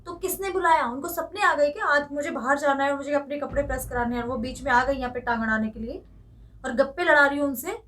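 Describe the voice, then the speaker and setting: A woman's voice: sits high, fast talker, recorded from a distance. Young woman playing a bossy city bride. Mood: angry. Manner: demanding, sharp. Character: rude young city daughter-in-law, bossy. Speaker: daughter-in-law. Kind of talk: comedy skit acting.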